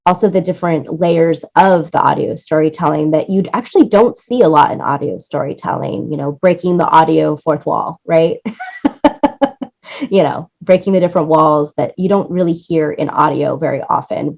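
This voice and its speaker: A woman, a music supervisor and producer, speaks as an interview guest in an enthusiastic, effusive way, often repeating phrases for emphasis. Her voice sits low and is gravelly and a little mellow, at a moderate pace. The recording has its highs cut off.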